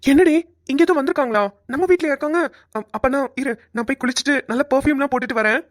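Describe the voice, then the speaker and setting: A woman doing a silly excitable cartoon husband. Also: sits high, very fast, dry recording, clean studio sound, close to an everyday voice. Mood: comic. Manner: excitable, rambling comic delivery. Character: silly talkative young husband, easily confused. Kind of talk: cartoon voice acting.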